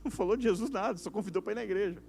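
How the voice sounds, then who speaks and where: A male pastor with a Brazilian Portuguese accent, preaching an evangelical sermon at a youth service and acting out little dialogues as his voice swings between loud and soft. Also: high-pitched, racing, creaky. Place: church service.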